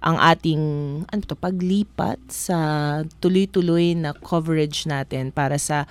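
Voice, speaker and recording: A woman's voice: low voice, fairly even intonation, a little slow. A young woman with a Filipino accent hosting a campus radio show, chatting casually, laughing often and teasing her co-hosts.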